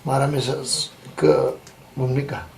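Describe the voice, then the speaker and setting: A male pastor preaching a sermon and telling a story, swinging between loud emphatic bursts and quiet asides. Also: medium pitch, expressive, slow, gravelly. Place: church sanctuary. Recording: distant mic with faint background noise.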